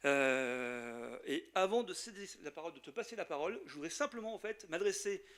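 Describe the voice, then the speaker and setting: A man's voice: on the high side, expressive, a little fast, a bit bright. A man with a Lorraine French accent, president of a chamber of commerce, giving an informal welcome speech at a general assembly with many hesitations.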